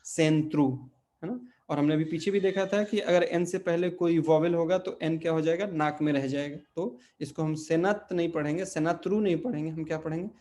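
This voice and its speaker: A man's voice: fairly high pitch, steady tone, dark tone. A man teaching a language class, explaining step by step and often checking in with his students. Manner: slow, explains step by step, many fillers and check questions. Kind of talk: online language lesson.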